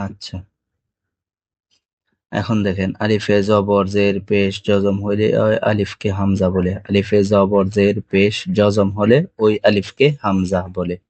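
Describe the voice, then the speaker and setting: A man's voice: lowish voice, monotone, unhurried, darkish tone, no echo. A man teaching a beginners' Quran reading lesson, drilling the letters patiently one by one and asking the class questions. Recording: dull lo-fi dry recording.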